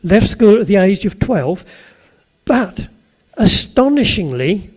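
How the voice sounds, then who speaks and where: This older Suffolk preacher, with a Suffolk English accent and roots in Suffolk, England, speaks slowly in a husky, high-pitched voice with big swings in pitch. His anecdotal sermon to a live crowd is chatty, full of questions for listeners and joking asides.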